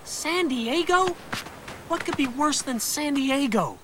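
A man voicing a hot-headed, vain lion in an animated comedy film, ranting and sulking theatrically. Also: extremely high pitch, takes it slowly, background noise, heavily acted. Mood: exasperated rage. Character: hot-headed, melodramatic male show lion, vain and aggrieved. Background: music.

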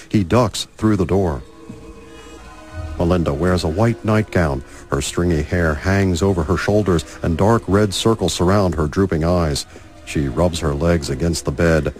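A man's voice: low voice, darkish tone. A man reading scripted present-tense narration that describes the action of a film scene. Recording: film soundtrack music behind. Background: film score music.

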